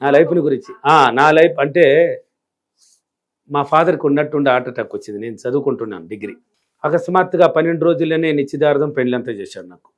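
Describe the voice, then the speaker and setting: A middle-aged man from a village in rural India answers interview questions as a spiritual teacher, emphatic and repetitive as he drives each point home. His voice is a little high, animated and quick, and the recording's highs are cut off.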